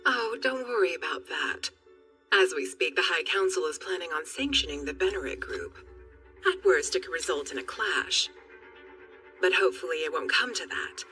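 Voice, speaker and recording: An actress voicing a persuasive, scheming political envoy in an anime dub. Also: female voice, lowish voice, expressive, normal speed, pushed and bright, soft background music.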